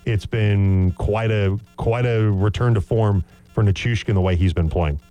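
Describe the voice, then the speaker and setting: A man's voice: lowish voice, unhurried, dark tone, no room sound, soft background music. A man hosting a sports radio show, teasing his co-host, then recapping a game. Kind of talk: casual sports radio banter.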